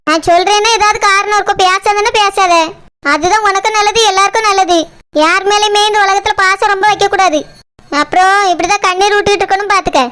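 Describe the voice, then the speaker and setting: A woman's voice: very high-pitched, steady tone, quick pace, pushed and bright. A woman voicing a stern, controlling older female relative in a cartoon, scolding with a Kanyakumari Tamil accent. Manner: scolding, commanding. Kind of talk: cartoon voice acting.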